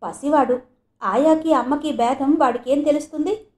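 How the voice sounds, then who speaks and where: A woman reading the part of a grown man, a doting father, in a calm and indulgent tone. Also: high voice, normal speed, voice pushed up, natural voice.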